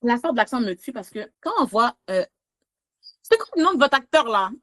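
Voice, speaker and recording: A Québécoise woman with a fairly high voice talks freely as a guest, her tone leaping up and down as she jokes and laughs through her points. She sounds relaxed and expressive, a comedian in casual conversation. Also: brisk. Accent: Québécois French. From Quebec. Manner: animated, laughs often, big pitch swings. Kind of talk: casual interview chat.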